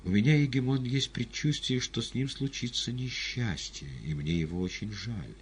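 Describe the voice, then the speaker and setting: A man reading an audiobook, voicing a gentle, beaten young prisoner who speaks earnestly and mildly. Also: medium pitch, moderate pace, slight background noise, voice pushed up, close to an everyday voice.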